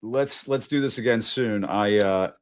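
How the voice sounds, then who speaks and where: A man's voice: lowish voice, measured pace, clear, resonant tone. A middle-aged man hosting a live news show, speaking casually with emphasis and the odd swear word. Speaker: host. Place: Washington studio.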